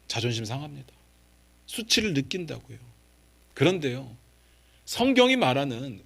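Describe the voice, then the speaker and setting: A middle-aged male pastor preaching a sermon, moving between quiet asides and raised, impassioned pleas and leading the congregation in reading scripture aloud. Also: fairly high pitch.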